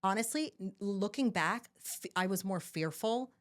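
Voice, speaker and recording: A young woman, a new mother appearing as a podcast guest, tells her story in casual conversation with a mid-range voice at a moderate pace. She's animated, swearing freely as she acts out what people said to her.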